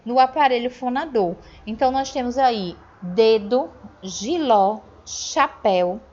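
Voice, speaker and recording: A woman's voice: a little high, takes it slowly, a little mellow. Brazilian teacher woman, lo-fi audio. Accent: Brazilian Portuguese. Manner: explanatory, checks in with frequent "tá?". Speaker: Portuguese teacher. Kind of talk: recorded grammar review lesson. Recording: dull lo-fi audio.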